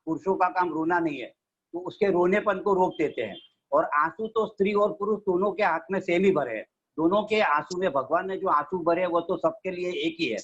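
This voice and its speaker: A man's voice: a little high, lo-fi sound. A man explaining a meditation practice step by step to a group on a video call. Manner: steady, explanatory, mixes English terms. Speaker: meditation teacher.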